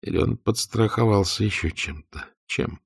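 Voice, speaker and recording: Deep-voiced man reading a novel aloud. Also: moderate pace, a little mellow, no room sound, studio quality. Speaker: audiobook reader. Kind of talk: audiobook narration.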